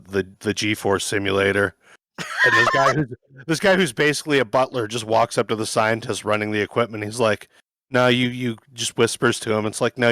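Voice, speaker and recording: A man's voice: lowish voice, a bit bright, no echo. A man guesting on a podcast, dryly and sarcastically recounting film scenes in casual chat.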